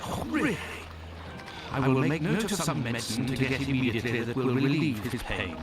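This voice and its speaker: Man acting an animated, earnest doctor. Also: mid-range voice, a little fast, natural voice. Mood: concerned, exasperated. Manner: expressive, formal, gently reproving. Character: earnest Victorian doctor, the detective's exasperated companion. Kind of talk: scripted video game dialogue. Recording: game audio with busy street crowd.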